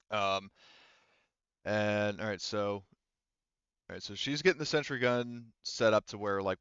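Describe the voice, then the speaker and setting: A man serving as game master for a tabletop roleplaying game talks casually and thinks aloud with some hesitation over an online voice chat that sounds slightly dull and dry. His voice is low-pitched yet fairly bright and clean, with no room sound.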